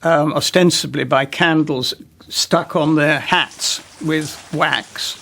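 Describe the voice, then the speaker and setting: A man's voice: on the high side, slow pace, creaky, a bit bright. A man in an interview describing old mines in rambling, broken-off sentences. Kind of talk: interview recollection.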